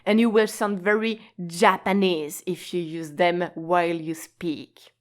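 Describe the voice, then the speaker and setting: Teaching a language lesson online, this woman speaks in a steady, lowish voice. Her delivery is slow, patient and explanatory, with key words stretched out and occasional soft laughter.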